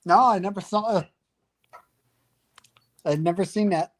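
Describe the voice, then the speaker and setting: A man's voice: high-pitched, unhurried. A man on a sports watch party stream, giving short, laid-back answers in casual chat.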